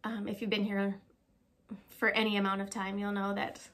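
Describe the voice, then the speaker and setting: A woman's voice: mid-range voice, completely flat delivery, moderate pace, fairly bright tone. A woman vlogging about knitting from her home knitting room, chatting casually, self-deprecating and swearing now and then. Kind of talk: casual chat to camera.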